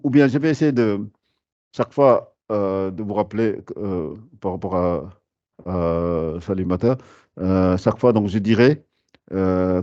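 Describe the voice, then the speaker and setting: A man's voice: on the low side, dark tone, no room sound, lo-fi sound. A man teaching Quran recitation rules to a class, patient and repetitive, stopping often with fillers and restarts. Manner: hesitant, many fillers and restarts; patient, repeats rules and reminders. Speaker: tajwid teacher. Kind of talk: live class explanation.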